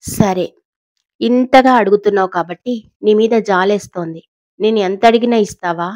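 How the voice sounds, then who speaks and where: A woman's voice: medium pitch, moderate pace, darkish tone, no room sound, lightly acted. A woman voicing a sarcastic blackmailing woman. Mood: taunting. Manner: sarcastic, taunting. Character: mocking mysterious woman blackmailer, laughing cruelly.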